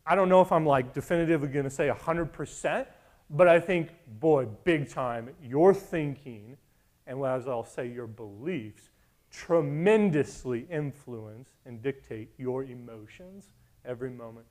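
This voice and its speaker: A man's voice: medium pitch, measured pace, a little mellow. A man preaching a sermon in a casual, conversational way, asking the congregation repeated questions. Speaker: pastor.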